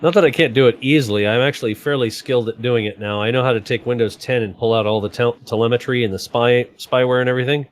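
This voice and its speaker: A man chatting loosely on his own livestream, joking and laughing as he wanders through computer talk. His voice sits at an ordinary middle pitch. It is recorded close and dry, with no room sound. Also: fairly even intonation, fast, few pauses, no room sound. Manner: joking, laughs often, rambling tech talk. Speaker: livestream host. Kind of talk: casual stream chat.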